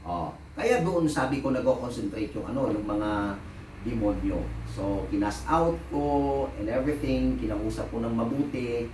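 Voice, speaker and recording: Male pastor, story-driven sermon, mid-pitched, miked from a distance in a roomy hall. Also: lively intonation, normal speed, background noise. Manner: storytelling, mixing Tagalog and English, laughing at his own anecdotes. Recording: echoey room, voice from a distance.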